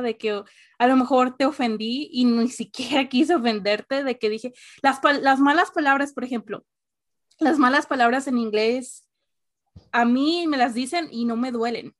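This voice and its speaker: A woman hosting a podcast in casual conversation, chatty and quick to laugh, dropping English words into her speech. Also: on the high side. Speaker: podcast host.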